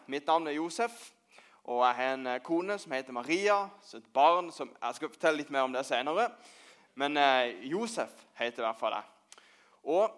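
A man's voice: medium pitch, a bit bright, natural voice. A man playing old Josef in a children's church skit, rambling and hesitant as he searches for words. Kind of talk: children's church role-play.

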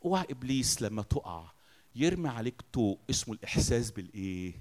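Emphatic preacher with an Egyptian accent. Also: male voice, medium pitch, big pitch swings, quick pace. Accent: Egyptian Arabic. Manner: emphatic, asks the audience questions and answers them; swings between loud declarations and soft, quiet lines. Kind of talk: sermon.

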